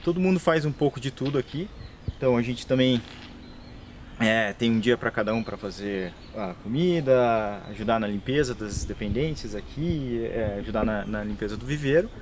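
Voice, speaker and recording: At normal speed and medium pitch, a nursery worker from a conservation NGO describes his work in an on-site interview, speaking with a Brazilian Portuguese accent. He's hesitant and plain in tone, using many fillers and starting over often. Slight background noise surrounds him at the plant nursery and lab on a rural property.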